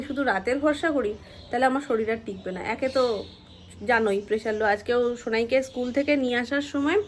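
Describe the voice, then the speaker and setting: Young mom vlogger, high voice, chatty and rambling, faint ambience behind. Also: female voice, slight background noise. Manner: chatty, rambling daily diary, drops to soft near-whisper while child sleeps. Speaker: vlogger and mother. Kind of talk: casual chat to camera.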